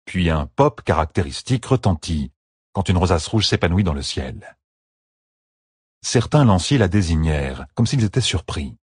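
A man narrating a fantasy battle audiobook with steady, dramatic storytelling. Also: deep voice, breathy edge, no echo, studio quality.

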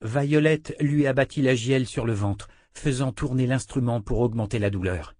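A man narrating a fantasy audiobook in a steady, measured reading style. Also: mid-range voice, dry recording. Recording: dry close recording.

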